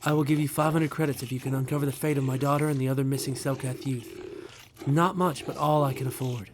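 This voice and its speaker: A man voicing a solemn, proud fish-like alien father from a space game in formal, measured phrases. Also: medium pitch, fairly even intonation, noisy background, close to an everyday voice. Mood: worried, pleading.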